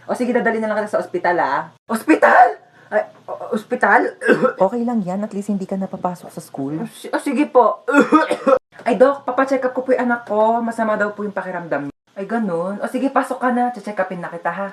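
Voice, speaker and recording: A woman's voice: medium pitch, fast, few pauses. A woman performing comedy skits, switching playfully between several everyday characters. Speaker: comedy sketch creator.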